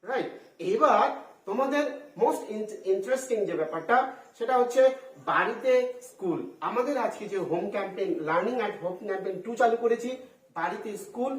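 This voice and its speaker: A woman teaching a home-school lesson for children, spelling words out letter by letter, mixing in English and asking the pupils "right?". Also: mid-range voice. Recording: roomy echo, far from the mic.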